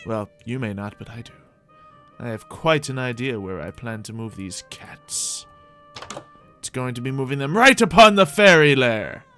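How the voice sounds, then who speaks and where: Over soft background music, a man hosts a livestreamed game roleplay, his medium-pitched, fairly bright voice lively in intonation at a moderate pace. He offers whimsical, rambling in-character commentary and chats theatrically with his viewers.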